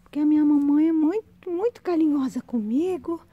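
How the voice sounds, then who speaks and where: A woman's voice: high-pitched, fairly quick, dry recording, dull audio, pitched above the performer's own voice, close to an everyday voice. A woman doing a cooing little pet dog. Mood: cooing, needy. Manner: sweet, cooing baby talk. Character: small affectionate female pet dog begging for cuddles. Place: outdoor home garden.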